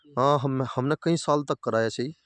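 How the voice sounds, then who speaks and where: A man's voice: mid-range voice, normal speed, fairly bright tone, dry recording. A man talking casually outdoors by his fields, giving plain, repetitive advice to fellow farmers. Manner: plain-spoken, repeats points, addresses viewers as farmer brothers. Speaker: farming video host.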